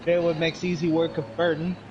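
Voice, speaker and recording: A man's voice: fairly high pitch, little pitch movement, brisk, dull audio, over music. A man giving live play-by-play commentary on a car race. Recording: engine noise behind voice. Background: race car engines.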